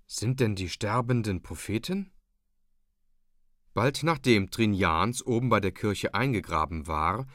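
A man narrating a classic tale in a measured, even manner. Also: on the low side, no room sound, clean studio sound. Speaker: audiobook narrator. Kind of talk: scripted narration of a classic novella.

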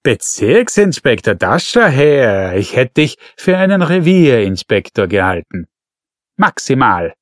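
A man's voice: medium pitch, big pitch swings, normal speed, no room sound, clean studio sound, lightly acted. A man voicing a brash, boorish police colonel with an Austrian accent, mocking and barking his lines.

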